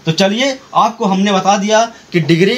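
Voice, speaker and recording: A high-pitched male teacher gives a grammar lesson to camera. He explains each rule patiently and step by step, going back over the key points and putting questions to the viewer as he goes. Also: normal speed. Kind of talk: Hindi-language grammar lecture.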